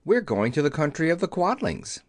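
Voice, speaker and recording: A polite scarecrow acted out by a man reading aloud insists earnestly in a storybook tale. His voice sits a little high and moves with lively intonation. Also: moderate pace. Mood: earnest, determined. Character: polite, determined male scarecrow.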